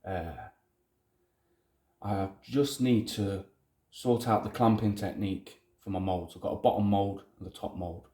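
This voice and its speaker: A man with a Leicester accent speaks in a fairly low voice, recorded in an echoey room. He rambles casually without a script. His manner is blunt and self-deprecating, with plenty of swearing. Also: steady tone, a little slow, mellow. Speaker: maker presenting a DIY project vlog. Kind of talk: casual unscripted monologue. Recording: roomy, echoey indoor sound.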